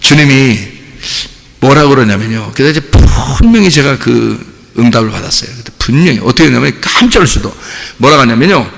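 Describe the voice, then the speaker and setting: Man, pastor preaching, gravelly voice, lively swinging pitch, long church reverb. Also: a little fast. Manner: animated storytelling, acting out prayers and replies. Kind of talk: sermon. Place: church sanctuary.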